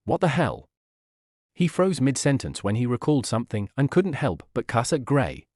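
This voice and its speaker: A man reading a fantasy light novel aloud as audiobook narrator, in a steady storytelling manner. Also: mid-range voice, a little fast, no echo, clean studio sound. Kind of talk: scripted narration.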